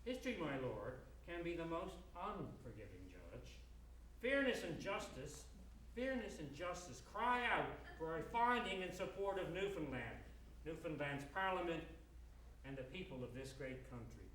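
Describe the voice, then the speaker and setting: Man playing hammy high-pitched orating lawyer, echoey room. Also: very animated, a bit bright. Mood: impassioned, grave. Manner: theatrical, hammy oratory with emphatic repetition and weighty pauses. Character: impassioned male lawyer pleading to a judge in court. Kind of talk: dramatic reading of a courtroom speech. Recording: echoey room, distant mic, faint noise.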